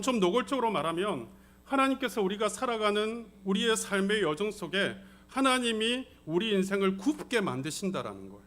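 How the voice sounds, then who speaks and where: A man's voice: high-pitched, a bit bright. A male senior pastor delivering a sermon, repeating phrases for emphasis and putting rhetorical questions to the congregation. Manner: often addresses the congregation directly.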